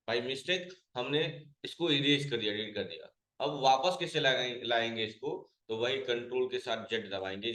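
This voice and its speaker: A man's voice: mid-range voice, fairly bright tone, reverberant, rough recording. A man teaching a computer class, asking his students questions and then answering them himself, repeating each key point. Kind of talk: classroom lesson.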